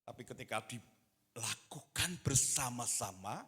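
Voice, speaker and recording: A man preaching a sermon in church, moving between quiet talk and loud, impassioned exhortation. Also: mid-range voice, animated, measured pace, husky. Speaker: pastor. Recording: reverberant church hall.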